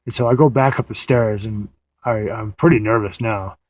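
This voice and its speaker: A man's voice: lowish voice, steady tone, moderate pace, dry recording. A man recounting a dream in a casual, meandering way, often restarting his sentences, sitting in a parked car at night. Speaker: audio diarist.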